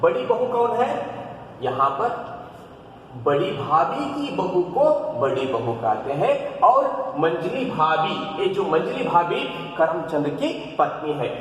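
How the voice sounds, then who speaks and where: A man's voice: high-pitched, very animated, takes it slowly. A man teaching a play text, explaining it to students and repeating lines with rhetorical questions. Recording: echoey hall, faint background noise.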